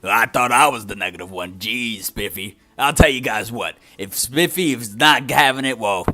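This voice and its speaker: A man's voice: medium pitch, expressive, normal speed, sharp tone. A man playing a grumpy, needling sidekick in a scripted comedic review where he argues with himself. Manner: arguing with himself, confrontational back-and-forth.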